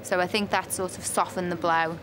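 Airline staffer, female, twenties, unvaried intonation, interviewed in clear terminal noise. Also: lowish voice, flat delivery, brisk. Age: 20s. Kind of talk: on-camera interview. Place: open indoor airport terminal. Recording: noisy airport concourse ambience.

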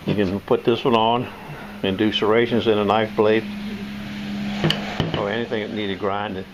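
Older guy in his shop, low voice, rambling folksy talk, kinda dull camera sound. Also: flat delivery, normal speed, noisy background. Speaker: knife sharpener showing his shop tools. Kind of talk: casual demonstration. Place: home workshop.

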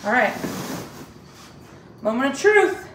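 Her high-pitched voice is very animated yet slow-paced and a bit bright as she chats to camera. She's a woman in her thirties vlogging from home, wandering the kitchen and other rooms and thinking aloud in colloquial language with mild swearing. Echo and clear background noise fill the recording.

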